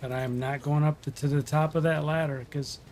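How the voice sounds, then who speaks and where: A man's voice: on the high side, fairly even intonation, fairly quick, a little mellow, a little hiss or hum. A middle-aged man from Ohio who works in wildlife removal, chatting casually and telling stories with lots of fillers and restarts. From Ohio, USA. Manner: folksy storyteller, many fillers and restarts. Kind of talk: casual livestream chat.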